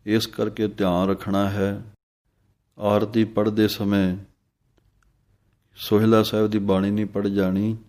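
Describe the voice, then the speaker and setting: Slow, low-voiced man teaching recitation. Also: a little mellow. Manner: recites scripture lines slowly and deliberately, then explains each pause. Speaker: Gurbani pronunciation teacher. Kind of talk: slow, careful recitation lesson.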